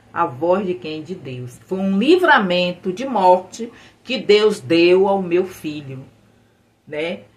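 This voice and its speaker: A middle-aged woman telling a religious testimony in an earnest storytelling way, often repeating phrases and quoting her own prayers. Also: mid-range voice. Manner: earnest, repetitive retelling with quoted prayers. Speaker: testimony speaker.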